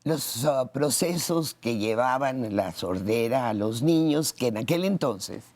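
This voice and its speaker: Hombre mayor, acento mexicano, experto invitado; cuenta anécdotas con entusiasmo. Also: male voice, medium pitch, expressive, measured pace, darkish tone. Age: older. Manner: enthusiastic, digressive storyteller. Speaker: guest expert. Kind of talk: TV interview.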